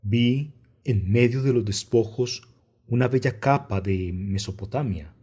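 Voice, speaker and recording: A man's voice: medium pitch, unhurried, warm tone, husky. A man reading a guilty man who confesses to stealing plunder in an audiobook. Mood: confessing.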